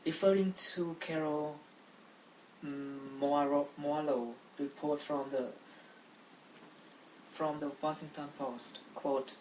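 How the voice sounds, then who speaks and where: A woman's voice: low voice, steady tone, slow pace, pauses often, darkish tone, reverberant, recorded from a distance, slight background noise, low-quality recording. A young woman from Cambodia giving a prepared class speech, speaking carefully with frequent restarts and repeated words.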